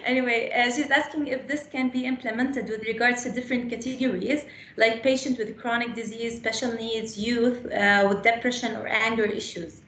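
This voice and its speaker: Hoarse woman moderator reading audience questions, a bit high-pitched, roomy call sound. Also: steady tone, normal speed, a bit bright. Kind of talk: online panel Q&A. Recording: echoey call audio with faint noise.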